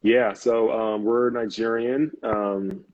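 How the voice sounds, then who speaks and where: Taking his time, a fairly low-pitched American man in his thirties, a Navy officer, chats easily on a live interview with fairly even intonation and a slight mellowness. He laughs a lot and often says "um" or starts over. No room sound comes through the dull, lo-fi video call.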